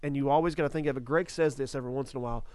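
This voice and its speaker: A man's voice: medium pitch, racing, darkish tone, smooth, no room sound. A man hosting a faith talk show, speaking earnestly and repeating phrases for emphasis. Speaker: ministry podcast host.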